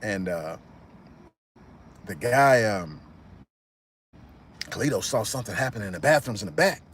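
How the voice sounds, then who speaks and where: A man hosts a livestream, talking loosely with his chat and rambling through stories. His pitch swings widely, so the telling sounds lively and animated. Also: unhurried, slight background noise. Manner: animated storyteller, rambling and chatty. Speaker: channel host. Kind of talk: livestream commentary reading chat.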